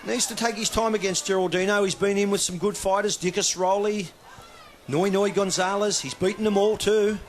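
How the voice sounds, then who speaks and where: A man's voice: high voice, steady tone, moderate pace. A man with an Australian accent hosting and giving live boxing commentary.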